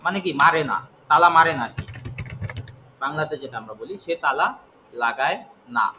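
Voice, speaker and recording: A man's voice: on the high side, animated, moderate pace, lo-fi sound, a little hiss or hum. A man teaching English grammar, explaining step by step and asking and answering his own questions. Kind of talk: spoken grammar lesson.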